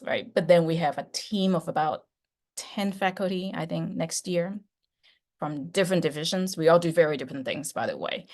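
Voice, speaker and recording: Lowish-voiced professor woman on a video call. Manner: chatty, many fillers and restarts. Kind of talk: online class introduction.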